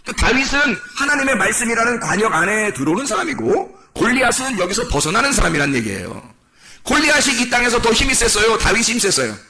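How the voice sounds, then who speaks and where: A male pastor preaching a sermon in a church, animated and full of rhetorical questions to the congregation. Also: very high-pitched, fast, a crowd in the background.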